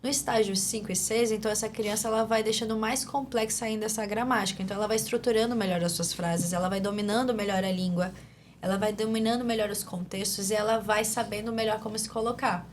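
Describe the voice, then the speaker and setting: A Brazilian woman, a speech therapist, giving a steady, teacherly explanation as an interview guest. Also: mid-range voice, fast, a little hiss or hum. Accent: Brazilian Portuguese. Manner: didactic, steady explaining with many fillers.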